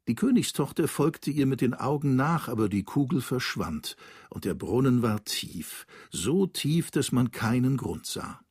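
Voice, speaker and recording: Expressive man reading a fairy tale. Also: mid-range voice, slightly rough, no echo, clean studio sound. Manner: measured, expressive storytelling. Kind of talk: scripted fairy-tale narration.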